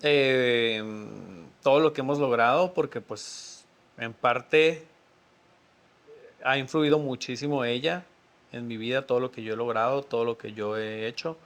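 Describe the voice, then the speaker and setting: A man, a podcast guest telling a personal story in a sincere, emotional, quietly reflective way. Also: mid-range voice, steady tone, unhurried.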